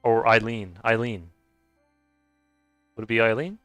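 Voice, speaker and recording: A man streams a game and chats casually with viewers, his mid-range voice unhurried and a bit bright. He hesitates and chuckles as he stumbles over how to pronounce names. The close mic is dry, with faint music behind him.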